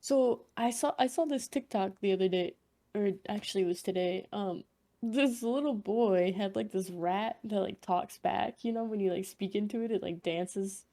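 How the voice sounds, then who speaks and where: A woman's voice: medium pitch, normal speed, warm tone. A young woman co-hosting a casual podcast, telling rambling, profane anecdotes and giggling often. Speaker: podcast co-host.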